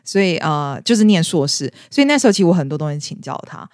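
A young woman in her twenties chats at a brisk clip on a podcast and tells a personal story. She acts out the quoted lines in bright, raised voices. Her voice sounds close and dry. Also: low voice, sing-song, no echo. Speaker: podcast co-host. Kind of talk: casual storytelling chat.

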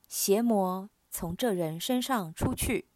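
A woman voicing a calm, merciful male teacher who gives commands in a scripture reading. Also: mid-range voice, slow pace, dry recording, natural voice. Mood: commanding.

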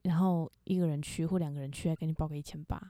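Mellow teasing Taiwanese Mandarin woman. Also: low voice, fairly even intonation, quick pace, dry recording, studio quality. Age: young adult. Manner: teasing, asks follow-up questions. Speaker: podcast co-host. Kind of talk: casual chat.

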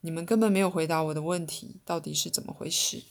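A woman voicing an angry, half-mad young man in a cape, shouting indignantly in a storybook reading. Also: low voice, fast. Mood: frustrated.

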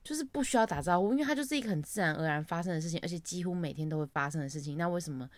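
A woman's voice: fairly low pitch, lively intonation, rapid-fire, no room sound. A young woman, chatting casually and acting out her own greetings as she tells an office story. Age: young adult. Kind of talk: casual chat.

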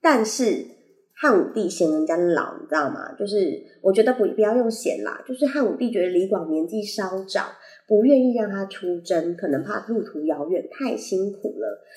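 A woman's voice: medium pitch, animated, normal speed, a little mellow. Chatty Taiwanese woman podcaster with braces, echoey room. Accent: Taiwanese Mandarin. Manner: rambling, self-correcting, playful. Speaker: podcast host. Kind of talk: casual chatty solo podcast. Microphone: compact condenser microphone plugged into a phone. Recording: roomy, echoey sound on a compact microphone.

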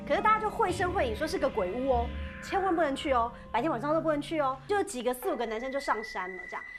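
A woman casually telling a ghost story on a podcast, chatty and animated, with many filler particles. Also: high voice, rapid-fire. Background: background music.

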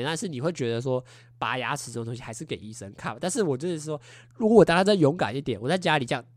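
A man in his twenties hosting a podcast, telling a story in a casual, animated way and acting out what people said with little sound effects. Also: a little high, dry recording. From Taiwan. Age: 20s. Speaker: podcast host.

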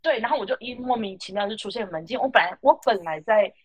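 Animated, indignant woman telling a story. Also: medium pitch, quick pace, husky, dry recording, poor audio. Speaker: podcast host. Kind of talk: casual podcast chat.

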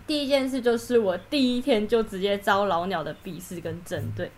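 A young woman chatting as a podcast guest, telling stories with lively energy and acting out what her coworkers said. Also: mid-range voice, brisk. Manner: animated storytelling, acts out coworkers' lines. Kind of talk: casual podcast chat.

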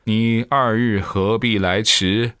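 Stern old hermit sage, slow and scolding, low voice; a male preacher puts him on. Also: fairly even intonation, fairly bright tone, clear, resonant tone, dry recording, clean studio sound. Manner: slow, drawn-out, archaic scolding.

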